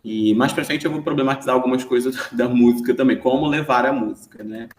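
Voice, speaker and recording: A man's voice: mid-range voice, fairly quick. Chatty Brazilian man teaching in an echoey room. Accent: Brazilian Portuguese. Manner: chatty, frequent tag questions. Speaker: teacher giving an online class. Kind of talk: explanatory lesson.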